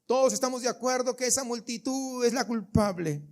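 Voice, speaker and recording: A man's voice: extremely high pitch, a little fast. A man preaching a sermon as pastor of a church service, emphatic and full of rhetorical questions aimed at the congregation.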